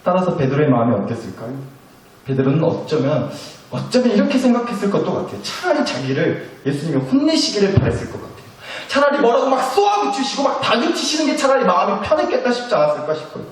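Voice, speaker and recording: Brief: a male pastor, lively sermon delivery, rather high voice, heavy echo. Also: fast talker. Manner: animated storytelling with acted quotes. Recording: very echoey room, distant mic.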